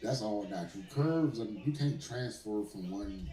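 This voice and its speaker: A man chats casually on a podcast in a deep, mellow voice. He stammers and restarts often and speaks bluntly with crude language. The recording has a roomy echo. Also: lively intonation, normal speed. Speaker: podcast co-host. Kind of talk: casual wrestling podcast chat.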